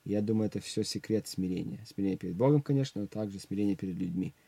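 A man's voice: lowish voice, fast, vocal fry, dark tone, slightly rough, no echo. A young man speaking as a guest youth minister in an interview, earnest, often restarting his words. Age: young adult. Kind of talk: religious interview talk.

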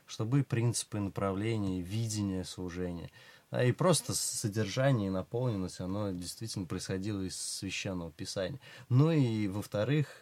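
A man speaking as a guest pastor in an interview, measured and preacherly. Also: lowish voice, a little mellow. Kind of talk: religious interview talk.

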